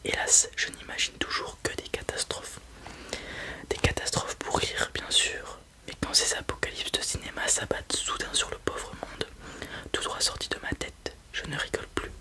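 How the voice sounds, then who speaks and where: A person doing an ASMR whispered role-play as a helpful librarian, speaking in a soft, breathy library whisper. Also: moderate pace. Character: helpful librarian recommending children's books to a parent.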